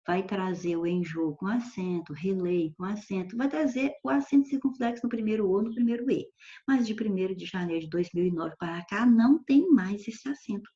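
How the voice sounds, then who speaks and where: Woman teacher, mellow and patient, explains step by step; dull lo-fi online lesson audio. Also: medium pitch. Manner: patient, explanatory, often checks with "ok?". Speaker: Portuguese grammar teacher.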